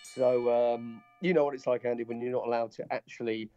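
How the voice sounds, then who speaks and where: A man's voice: medium pitch, steady tone, fairly quick, over music. A man with a cold, his voice muffled as if heard through a wall, chatting as a podcast co-host over a call. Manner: rambling, self-correcting. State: head cold, stuffy muffled voice. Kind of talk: casual chat. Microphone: Skype call. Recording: dull, muffled lo-fi call audio.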